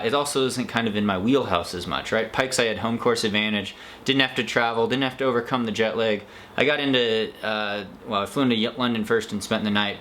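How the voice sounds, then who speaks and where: A man's voice: on the low side, fairly bright tone, slight background noise. A man talking casually as a trail-running vlogger, rambling conversationally and correcting himself as he recaps. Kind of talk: casual vlog race recap.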